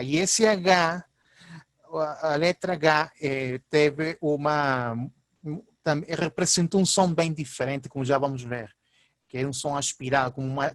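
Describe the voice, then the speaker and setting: A male linguistics professor, lecturing through slides in a halting way, with many fillers and "ok?" checks. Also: on the high side.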